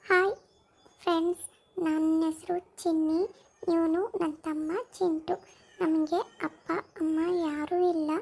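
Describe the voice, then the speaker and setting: A woman voicing a gentle, cautious orphaned little girl in a cartoon, speaking slowly and softly. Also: very high voice, level tone, heavily acted. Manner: slow, soft and pleading. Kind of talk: cartoon voice acting.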